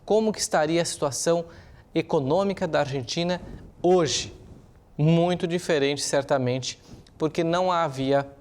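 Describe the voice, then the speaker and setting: At normal speed, a man with a slightly high, darkish voice and a Brazilian accent delivers a journalist's news commentary. It's explanatory and opinionated, semi-improvised, with rhetorical questions thrown in.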